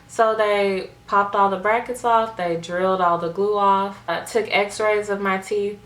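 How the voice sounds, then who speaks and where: A woman's voice: mid-range voice, fairly even intonation, measured pace, fairly bright tone. A young woman talking casually to viewers in a vlog, chatty and full of "like" fillers. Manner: chatty, filler-heavy with frequent "like". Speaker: vlogger. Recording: echoey room with faint noise.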